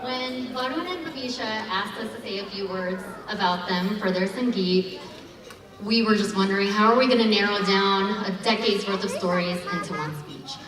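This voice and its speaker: A woman's voice: medium pitch, normal speed, over music. A young woman giving a playful, affectionate wedding toast as a bridesmaid. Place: hotel banquet hall. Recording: echoey hall from far off, crowd.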